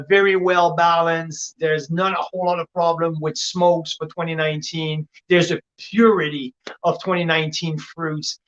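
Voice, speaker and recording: A man's voice: high voice, fairly bright tone. A man hosting a casual wine tasting and reviewing wines like a sommelier. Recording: dull, lo-fi audio.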